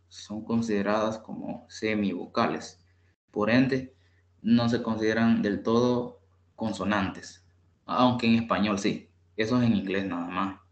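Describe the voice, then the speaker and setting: A man giving a patient bilingual grammar lesson as an English tutor, repeating example words slowly. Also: fairly low pitch, reverberant.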